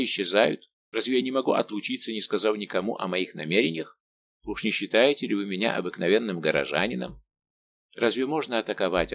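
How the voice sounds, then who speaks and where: A man voicing a stern, composed army general who speaks in a calm, commanding way. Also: fairly low pitch, creaky.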